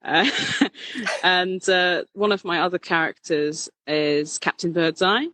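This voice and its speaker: A woman drag king performer chatting casually in an interview, animated and quick to laugh, often restarting her sentences. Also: on the low side, dry recording, poor audio.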